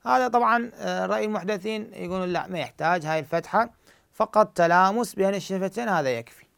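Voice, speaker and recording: A man with an Iraqi Arabic accent teaching tajweed, explaining the rules and slowly reciting verse examples. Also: sits high, creaky, a bit bright, clean tone, dry recording, studio quality.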